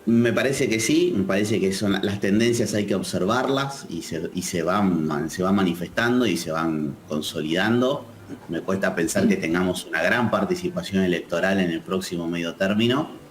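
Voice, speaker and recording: A man with an Argentine accent, a political analyst answering interview questions in a measured, thoughtful way. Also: low voice, reverberant, a little hiss or hum. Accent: Argentine Spanish. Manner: measured, thoughtful, with frequent restarts.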